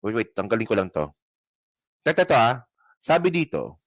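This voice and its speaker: A man's voice: lowish voice, very animated, normal speed, dry recording. A man hosting casual political commentary, reacting to clips in a sarcastic, profane way.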